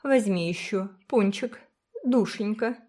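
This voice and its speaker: A woman voicing a brisk, kindly older village woman who speaks firmly and emphatically. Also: mid-range voice, dark tone, pitched above the performer's own voice. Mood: emphatic. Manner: firm, emphatic, motherly.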